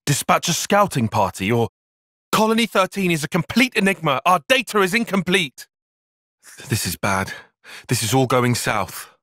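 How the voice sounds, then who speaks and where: Taion, prim young strategist, expressive pitch. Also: male voice, normal speed, dry recording, clean studio sound. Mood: alarmed, indignant. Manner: precise, formal, slightly prim phrasing. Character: analytical, reserved young male military strategist, earnest and proper. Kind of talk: video game cutscene acting.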